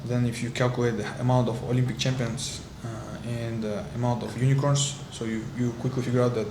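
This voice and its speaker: Young man from Kazakhstan, halting English. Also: mid-range voice, little pitch movement. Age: 20s. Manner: halting non-native English, fillers. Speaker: startup founder. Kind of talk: casual interview. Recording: roomy echo with clear background noise.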